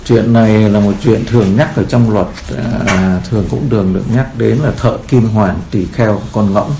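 A man's voice: on the low side, steady tone, normal speed, vocal fry, noisy background. A man as a Buddhist teacher giving a sermon, telling stories in a rambling way with many fillers, in a roomy echo.

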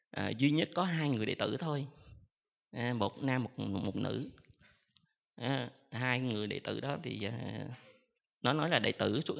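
A male Buddhist monk gives a relaxed, self-mocking talk, pausing often on a drawn-out "à". His voice has a gravelly edge. The sound is dull and lo-fi, with a long echo from a large hall. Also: mid-range voice. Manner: chatty, self-mocking, fills pauses with drawn-out "à". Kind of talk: storytelling dharma talk to an audience.

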